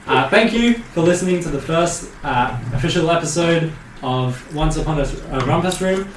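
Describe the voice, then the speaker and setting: A man's voice: fairly high pitch, lively intonation, normal speed. A man running a tabletop game as game master, talking casually with hesitant fillers. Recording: roomy, distant mic, faint noise.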